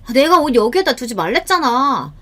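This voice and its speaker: A woman's voice: sits high, big pitch swings, takes it slowly, mellow, voice pushed up, full character voice. A woman voicing an irritable, defensive wife in a scripted radio story, with a snappish, complaining delivery. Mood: irritated. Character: irritable, defensive wife in her thirties or forties.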